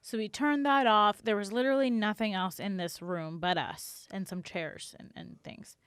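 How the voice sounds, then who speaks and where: Female podcast co-host, smooth clear voice, chatty and halting, dry recording. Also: medium pitch, steady tone, no room sound. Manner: chatty, halting, with many fillers. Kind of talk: casual chat.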